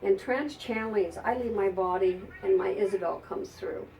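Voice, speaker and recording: Gravelly older woman telling stories. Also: medium pitch, normal speed, darkish tone, recorded from a distance, low-quality recording. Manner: chatty, rambling anecdotes with frequent laughs. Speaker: psychic. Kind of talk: storytelling to an audience.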